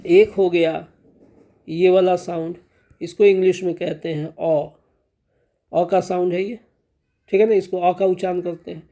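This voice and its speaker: High-voiced man teaching in Hindi. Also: warm tone. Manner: repeats "clear ho gaya" and "theek hai" as check-ins; slow, drawn-out enunciation of example sounds. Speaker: English teacher. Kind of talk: classroom-style explanation.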